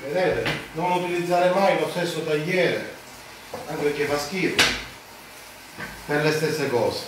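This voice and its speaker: A man in his forties giving a casual cooking demonstration, talking haltingly and often repeating and correcting himself. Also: on the high side, distant mic. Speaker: home cook presenting a recipe. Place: home kitchen, indoors. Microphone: phone held by someone a few steps away. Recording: roomy kitchen, off-mic, frying and sizzling noise.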